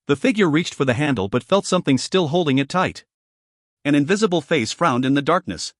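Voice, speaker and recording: Male audiobook narrator, fantasy story, steady measured reading, fairly high voice, dry close sound. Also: dry recording.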